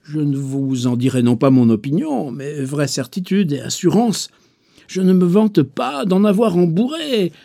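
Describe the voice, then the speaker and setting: A man's voice: on the high side, animated, measured pace, gravelly, mellow, voice pushed down, heavily acted. A man voicing a boastful, bawdy male rogue who brags in a confiding way.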